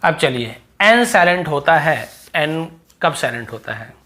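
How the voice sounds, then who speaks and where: Male teacher with a Hindi accent, patient drilling delivery, repeats example words slowly. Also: on the high side, sing-song, sharp tone. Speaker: English pronunciation teacher. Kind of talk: explaining silent-letter rules.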